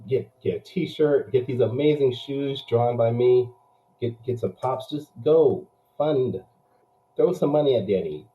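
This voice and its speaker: Tinny low-quality stream of a male podcast host. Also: measured pace, warm tone. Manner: hype-man pleading, announcer-style intro. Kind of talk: casual podcast chat and promo pitch.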